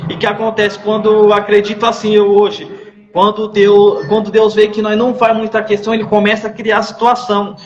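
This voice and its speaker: Male guest, high-pitched, monotone, sharing a heartfelt testimony in an echoey room. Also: fairly quick, highs cut off. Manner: repetitive, earnest storytelling with church slang. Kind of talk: emotional personal testimony.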